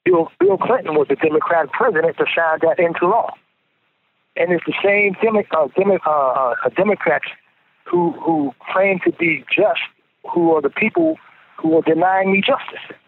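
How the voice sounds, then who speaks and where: A fairly high-voiced man talks on a payphone call, his voice squeezed into a thin, tinny phone band. He speaks earnestly and often stumbles over his words, repeating them as he pushes his point. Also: very animated, normal speed, a little hiss or hum. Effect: payphone call over a tinny prison phone line. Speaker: incarcerated interviewee calling in. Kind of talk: casual phone interview. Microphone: prison payphone handset.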